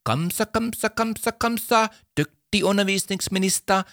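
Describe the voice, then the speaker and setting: A man voicing a bold, stubborn schoolgirl who shouts in a high, playful voice. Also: no room sound, clean studio sound. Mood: shouting excited.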